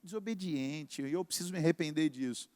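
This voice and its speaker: A man voicing his own young son, who quietly and honestly admits his faults in a low mumble. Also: fairly quick, natural voice. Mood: sheepish. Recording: reverberant hall.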